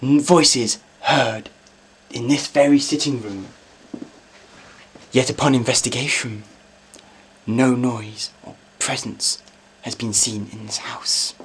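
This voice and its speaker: A man playing an earnest, overeager ghost-hunt TV presenter in a mock documentary, talking in hushed, solemn tones. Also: mid-range voice, steady tone, slow, slight background noise, low-quality recording. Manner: solemn hushed narration turning to eager questions.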